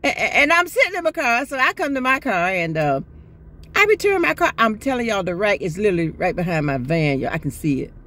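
An older woman vlogs casually from her parked car, phone held at arm's length, sounding exasperated and laughing often. Her medium-pitched voice is sing-song, fairly quick and bright, with a forceful tone.

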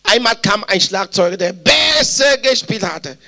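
A man preaching a sermon, animated and emphatic, repeating phrases and telling personal stories with laughter. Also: high-pitched, measured pace.

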